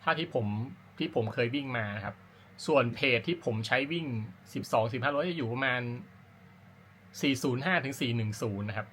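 A man with a mid-range, fairly bright voice talks fairly quickly with lively intonation, over slight background noise. He runs an amateur running vlog and describes his routine to camera in a rambling, informal way, correcting himself now and then.

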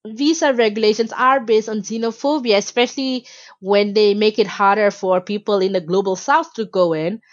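A woman's voice: medium pitch, normal speed, no room sound. An outspoken woman from Malaysia talks as a podcast guest, emphatic and full of casual fillers. Her voice sits mid-range, recorded dry and somewhat dull, like a lo-fi home setup. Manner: animated, emphatic, frequent fillers. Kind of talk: casual interview talk.

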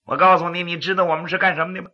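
A male storyteller voicing a bold, mocking martial hero in a gravelly, dramatic voice. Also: high-pitched, steady tone, very fast, pushed and bright, muffled recording, heavily acted. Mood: mocking, threatening. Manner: dramatic, taunting.

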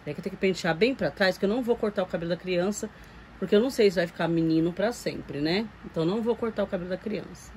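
A woman's voice: lowish voice, fast, a little mellow, a little hiss or hum, poor audio. A woman with a Brazilian Portuguese accent chats casually to her viewers at home, cooing fondly over a reborn doll. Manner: chatty and doting, coos at the doll. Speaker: reborn doll collector vlogger. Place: home room with doll shelves.

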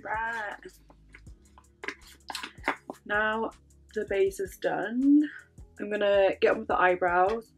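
A woman's voice: mid-range voice, slow, soft background music. A woman with a congested, sniffly voice chatting casually through a makeup tutorial, filling her talk with "um" and "like". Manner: chatty, many fillers like "um" and "like". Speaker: makeup vlogger.

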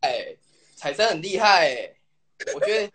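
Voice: mid-range voice, sing-song, moderate pace, a crowd in the background. A live-stream host chatting casually, playful and teasing, telling a childhood story and laughing often.

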